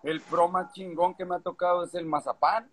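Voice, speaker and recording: Casting: man, northern Mexican accent, fairly high voice, casual interviewee talking in sweary street slang and circling back on phrases. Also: steady tone, normal speed, fairly bright tone, a little hiss or hum. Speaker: skateboarding event organizer.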